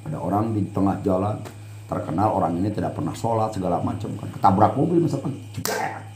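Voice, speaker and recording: A man's voice: low voice, expressive, fast talker, darkish tone, roomy sound, a little hiss or hum. A man from Cianjur with a Sundanese accent, a pesantren leader talking in a casual podcast chat, explaining patiently and laughing between points. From Cianjur, West Java.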